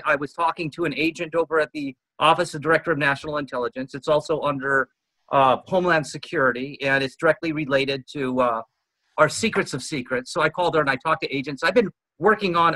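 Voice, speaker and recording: A man's voice: fairly high pitch, pushed and bright, dry recording, low-quality recording. A man in casual chat as a guest, talking in an earnest, rambling way with frequent "uh" fillers.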